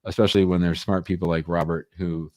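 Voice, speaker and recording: A man with a low voice hosts a live call-in show answering immigration law questions, chatting casually and offering short, informal, reassuring replies. He talks fast in a level tone with a darkish quality.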